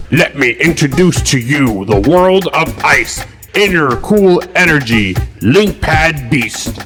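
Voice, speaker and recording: A man voicing a doctor who narrates the prologue of an audio story with a grand storytelling manner, heard over music. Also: on the high side. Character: scientist narrator introducing a tale.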